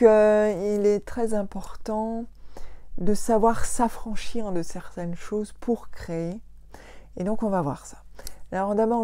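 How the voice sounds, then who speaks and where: A woman chats through a weekly live on her phone, her voice lowish and soft-toned. She takes her time, hesitating and correcting herself often. The sound is dry and close. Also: no room sound. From Alsace, France. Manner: hesitant, many fillers and self-corrections. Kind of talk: casual live talk to followers. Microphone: phone on an Instagram live.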